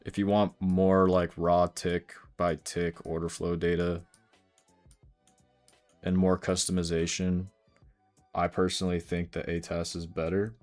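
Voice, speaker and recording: A man's voice: sits low, completely flat delivery, a little slow, pauses often, darkish tone, soft background music. A man streaming live day trading, casually explaining charts and answering questions from chat.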